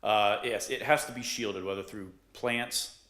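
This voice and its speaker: A man presenting a code violation case to a board, polite and halting, answering with ma'am. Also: fairly low pitch, steady tone, sharp tone. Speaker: code enforcement officer. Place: council chambers. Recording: echoey chamber.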